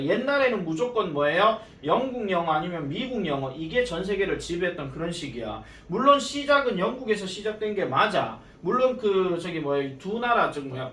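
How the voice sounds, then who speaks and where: A man teaching an English grammar lesson at a cram school. He talks casually and jokes, and reads the English lines out slowly. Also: high-pitched, fairly bright tone, slight background noise. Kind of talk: classroom grammar lecture. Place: classroom. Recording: echoey classroom from far off.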